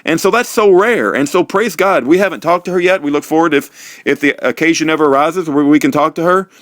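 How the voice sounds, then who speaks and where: His voice is on the high side, brisk and a bit bright, recorded with no room sound. The middle-aged American man, a host who supports prisoners, rambles casually to viewers with a folksy, sermon-like cadence and keeps repeating phrases.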